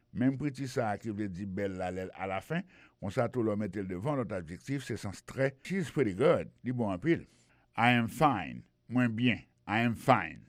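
A man's voice: mid-range voice, no room sound, clean studio sound. A man with a Haitian Creole accent teaching English phrases on a radio lesson, explaining each one and spelling words out. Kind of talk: bilingual radio language lesson.

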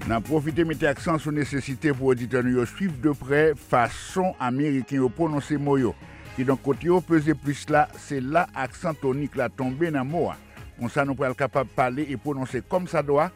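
A man's voice: mid-range voice, moderate pace, faint music behind. Man hosting a radio English lesson. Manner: explanatory, addresses listeners directly.

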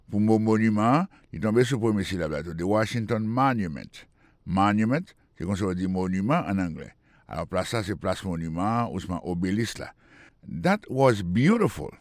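Radio English teacher, low voice, dry sound, patient and repetitive. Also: male voice, no room sound. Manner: patient, repetitive, spells words out. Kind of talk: explanatory radio lesson.

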